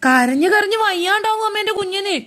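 A woman's voice: very high voice, expressive, fairly quick. A mother in a home vlog, soothing and pleading with her crying little boy in repetitive baby talk. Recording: loud noisy home recording. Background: toddler crying loudly.

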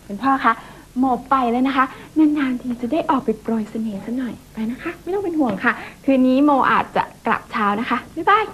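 A high, sing-song voice a spoiled young daughter in a TV drama, sugary and teasing. The sound is a little dull. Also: female voice, animated, brisk, few pauses, fairly bright tone, slight background noise. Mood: cheeky. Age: young adult.

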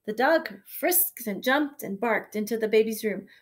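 A woman kindergarten teacher reading a picture book aloud to her class, gentle and expressive, sometimes dropping to a soft whisper. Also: on the high side, unhurried. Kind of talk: storybook read-aloud for children.

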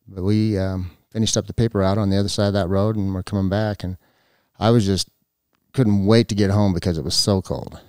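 Give me a low, dark-voiced man recounting his past in a halting way, close and dry. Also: dry recording. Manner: halting, with many restarts and fillers. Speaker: guest. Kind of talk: personal storytelling. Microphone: podcast mic.

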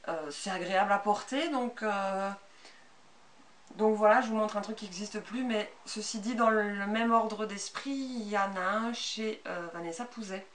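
At a moderate pace and medium pitch, a thirtysomething woman with a Belgian French accent gives a relaxed show-and-tell of clothes she has sewn. The setting is a small, bright sewing room. Audio comes from a camera mic a couple of metres away, with noise in the background.

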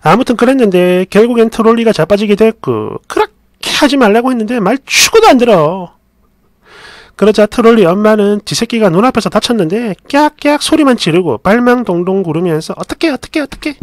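A man's voice: high-pitched, expressive, brisk, dry recording, clean studio sound. A man narrating a first-person story in a chatty, sardonic, exasperated way.

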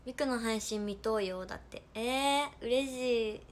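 A woman's voice: fairly high pitch, a little slow, a little hiss or hum. A playful young woman with a Hakata accent chatting casually on a livestream as an idol and reading viewer comments aloud. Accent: Hakata dialect.

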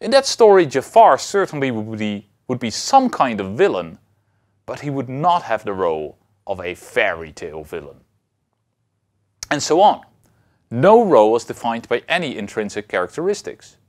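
A university philosophy lecturer in his thirties explains his subject with a highly animated melody. His phrasing is deliberate and emphatic.

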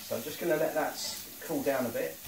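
Speaking fast in a slightly high voice, a middle-aged home cook gives step-by-step instructions in his kitchen during a cooking demonstration. A phone camera records him from across the room, with slight background noise. The roomy sound includes a sizzling pan and water on the boil.

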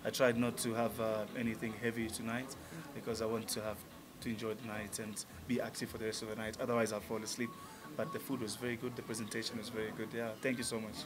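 A fast-talking man with a fairly low pitch and little pitch variation hardly pauses, with noise in the background. The guest is a musician from Tanzania in his thirties, interviewed casually in a restaurant lounge, speaking enthusiastically with many fillers into a table mic on a stand.

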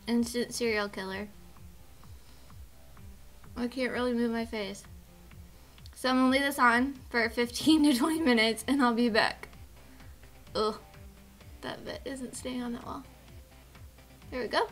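A woman's voice: a little high, a little slow, pauses often, fairly bright tone, soft background music. A young woman vlogger chatting casually through a sheet mask on her face, self-deprecating and full of "like". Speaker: beauty vlogger. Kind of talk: casual product review vlog.

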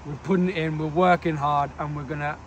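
A young man with a fairly high, fairly even voice talks quickly while chilled from cold river water, chatting casually with live-stream viewers and rallying them as a fitness host. He's outdoors in and beside a park river, and the recording is noisy.

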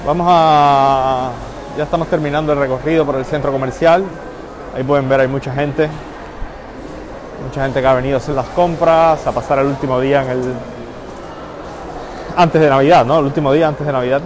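His mid-range voice stays fairly even as he talks fairly fast, stopping often, while he leads a live walking tour of a bustling mall and greets viewers by name. It's a phone live stream shot on a handheld camera, full of loud crowd noise and mall ambience.

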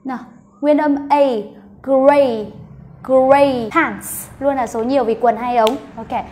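A woman's voice: high-pitched, steady tone, normal speed, mellow, slight background noise. A woman with a Vietnamese accent teaching English pronunciation, spelling out sounds one at a time, then repeating words and sentences. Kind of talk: slow step-by-step pronunciation lesson.

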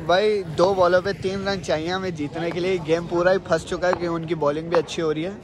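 He's a fast-talking young man from Pakistan with a high voice and flat delivery, eagerly narrating each ball of a street cricket game under the night sky. Keeping count of balls and runs, this vlogger and team player cheers on his side, captured by a handheld phone outdoors amid crowd noise.

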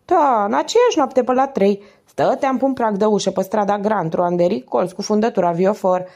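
A woman reading aloud and voicing a hoarse, tipsy market woman who speaks bluntly and emphatically. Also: mid-range voice, a little mellow, voice pushed up, close to an everyday voice.

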